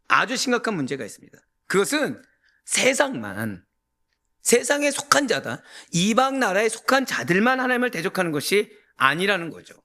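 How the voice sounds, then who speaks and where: A man preaching a sermon as a pastor, emphatic and full of rhetorical questions to the congregation, rising to near-shouts. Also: high-pitched.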